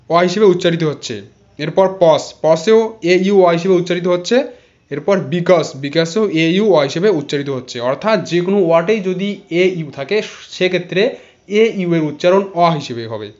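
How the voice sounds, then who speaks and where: A man's voice: sits high, darkish tone, lo-fi sound. A man teaching English spelling and pronunciation, spelling words out letter by letter and repeating each sound. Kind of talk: explanatory lesson.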